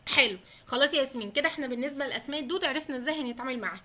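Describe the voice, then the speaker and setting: A woman's voice: sits high, racing, pushed and bright. A young woman with an Egyptian Arabic accent, a veterinary student giving chatty study advice straight to her viewers and laughing often. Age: young adult. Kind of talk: casual advice vlog.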